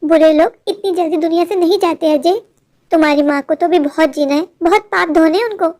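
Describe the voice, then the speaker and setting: A woman's voice: extremely high pitch, a little fast, a little mellow. A woman voicing a scheming, selfish young wife who speaks with cold scorn. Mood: scornful. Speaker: voice actor.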